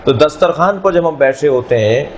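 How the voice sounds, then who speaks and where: A man teaching a class, speaking in a measured way, repeating key words and explaining through everyday analogies. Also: on the high side, expressive, dull audio, background noise. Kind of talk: classroom lecture.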